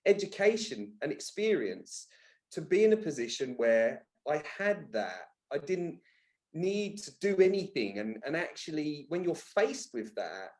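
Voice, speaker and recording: In an unhurried, sing-song manner, a man in his thirties with a fairly high, darkish voice talks as a podcast guest. The conversational interview centers on personal development, and he is earnest and emphatic, frequently repeating words to stress them.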